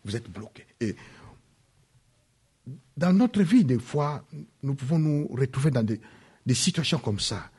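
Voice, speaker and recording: A man preaching a sermon, repeating phrases and swinging from loud peaks to hushed drops. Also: mid-range voice, very animated, a little slow, pauses often, husky. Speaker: pastor.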